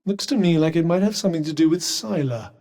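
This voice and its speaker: A man's voice: fairly high pitch, animated, fast talker, warm tone. A British man playing a sardonic, erudite sentient magical cuff in a video game, speaking formally with dry condescension. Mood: wry, observant. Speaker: video game companion character. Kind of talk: scripted video game dialogue. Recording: long echoing reverb.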